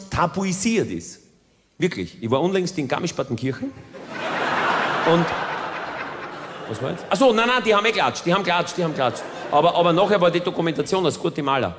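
A man with an Austrian accent performing a rambling, deadpan cabaret monologue that keeps interrupting itself. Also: mid-range voice. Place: theater stage, live audience. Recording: reverberant theater hall, faint noise.

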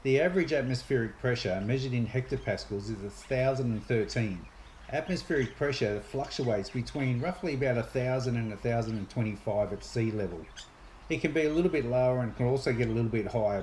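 A middle-aged man with an Australian accent walks through the facts in a plain, matter-of-fact way. His voice sits at an ordinary pitch for a man. A faint noise runs underneath, and he is recorded by a camera in a home kitchen. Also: a little fast, darkish tone, low-quality recording. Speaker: fishing show host. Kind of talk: explanatory fishing video. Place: kitchen indoors.

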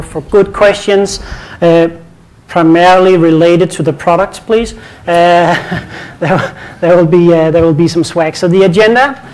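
A man from Denmark, speaking with a Danish accent, gives a technical conference talk onstage in a fairly high voice for a man, a little mellow. His delivery is relaxed, sprinkled with repeated words and light humor.

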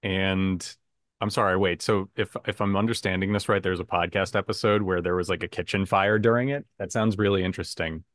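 A man hosting a podcast guessing game, casual and playful with a self-mocking streak. His voice sits low, recorded close and dry with no room sound. He reads out the options in a steady, easygoing way. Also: fairly quick, dry recording. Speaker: podcast game show host.

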